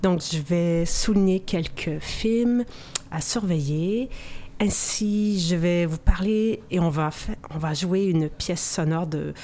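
A woman's voice: fairly low pitch, takes it slowly, dark tone. A woman columnist on a radio arts show, chatting casually with some hesitations. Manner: hesitant, trailing fillers.

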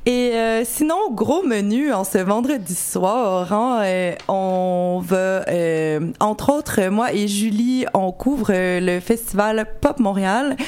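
A woman hosts a live radio arts show from the studio. She talks casually and loosely, filling her pauses with hesitations. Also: mid-range voice, darkish tone, clear, resonant tone. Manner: hesitant, many "euh" fillers, laughs easily. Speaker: radio host. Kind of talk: live campus radio chat.

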